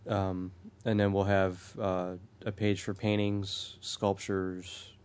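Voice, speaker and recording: Very deep-voiced man joking dryly. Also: flat delivery, slow, darkish tone, smooth. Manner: hesitant with fillers, dry jokes. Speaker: podcast co-host. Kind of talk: casual chat.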